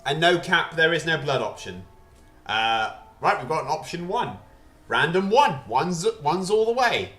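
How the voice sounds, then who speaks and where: A male streamer talks in a chatty, jokey way on a gaming livestream, his bright voice set slightly high. He takes his time with each line. His desk microphone picks up a roomy echo. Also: very animated, unhurried, soft background music. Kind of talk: casual livestream commentary.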